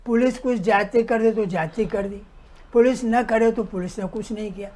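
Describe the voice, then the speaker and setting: A man's voice: high voice, moderate pace, darkish tone. A man giving impassioned social commentary, indignant and emphatic, piling up lists and rhetorical questions.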